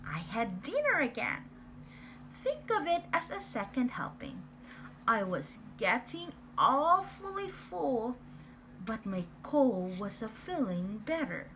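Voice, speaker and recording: A woman's voice: high-pitched, fairly bright tone, a little hiss or hum, full character voice, rough recording. A woman reading as a sly wolf telling his side. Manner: playful, exaggerated storytelling. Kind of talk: storybook reading.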